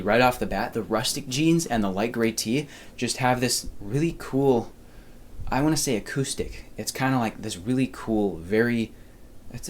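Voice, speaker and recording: A man's voice: on the low side, slight background noise. A male podcast host giving casual, chatty style advice, talking straight to the viewer with upbeat, self-deprecating asides.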